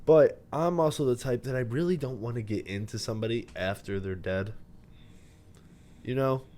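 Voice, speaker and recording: Young male co-host, mellow and candid. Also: mid-range voice, normal speed. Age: 20s. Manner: frank, conversational. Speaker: podcast co-host. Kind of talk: casual chat.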